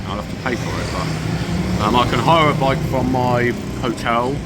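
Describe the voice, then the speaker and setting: A young British man talking casually to the camera as a travel vlogger, thinking aloud and calling everyone "mate". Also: medium pitch. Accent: British English. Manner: chatty, thinking aloud, keeps saying "mate". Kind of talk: casual vlog talk to camera. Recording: loud street noise behind the voice.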